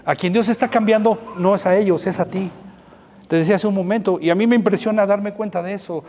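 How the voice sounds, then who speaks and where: Pastor preaching in an echoing hall. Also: male voice, sits high, a little fast, a little hiss or hum. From Mexico. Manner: animated storytelling, acting out dialogues. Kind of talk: sermon. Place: church hall. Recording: church hall with long reverb.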